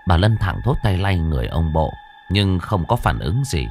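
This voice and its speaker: A man narrating a ghost story audiobook in a dramatic, expressive way, close to the mic. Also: low-pitched, normal speed, soft background music.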